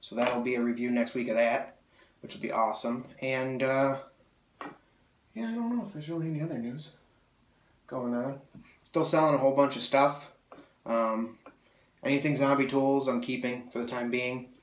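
A young sword collector, a little nasal from a cold, speaks at normal speed in a medium-pitched voice, pausing often as he eagerly reviews a blade. He rambles casually and uses many fillers. The camera mic, several feet away in his small indoor room full of swords, captures a roomy echo.

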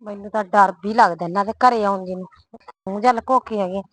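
A woman playing a fretful, sharp-tongued village woman with a Punjabi accent, who scolds, calls out loudly and frets about gossip. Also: mid-range voice, steady tone, quick pace, dry recording, natural voice. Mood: worried muttering. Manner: scolding, anxious about gossip, loud when calling. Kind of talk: comic short-film acting.

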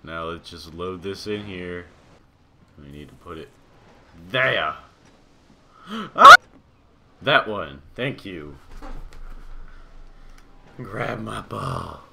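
A man's voice: low-pitched, animated, takes it slowly, long pauses, background noise. A man giving casual, sarcastic let's-play commentary into a desktop microphone, grumbling and swearing when he gets stuck. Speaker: gamer playing a story game.

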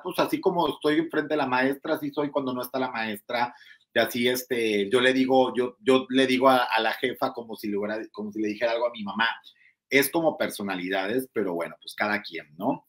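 A man's voice: fairly quick, fairly bright tone. A man with a Mexican accent hosting a casual gossip commentary show, talking in a chatty way with lots of fillers and often mimicking others. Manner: mimics others in a high, mocking voice. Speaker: entertainment show host.

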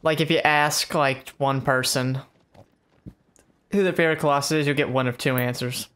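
Gamer guy co-hosting a let's play, rambly, laughs a lot, mid-pitched. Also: fairly even intonation, a bit bright, clean tone. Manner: rambling, laughing, drawn-out tangents. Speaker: let's play co-host, player. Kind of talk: casual gameplay chat.

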